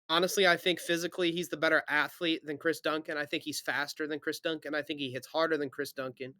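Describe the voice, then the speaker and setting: Bright, dry-voiced man talking fight picks. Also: on the high side, dry recording. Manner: thinking aloud, hedging, self-correcting. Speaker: fight predictions panelist. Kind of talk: casual chat.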